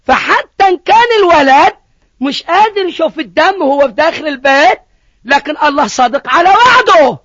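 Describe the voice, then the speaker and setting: Egyptian male preacher, high-pitched voice, dry dull lo-fi sound, animated questioning. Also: no echo. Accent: Egyptian Arabic. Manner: animated storytelling, questions to the congregation. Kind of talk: sermon.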